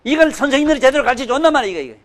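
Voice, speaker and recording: An older man giving a sermon, scolding and emphatic, swinging from loud outbursts to low mutters. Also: very fast. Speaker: Buddhist dharma teacher.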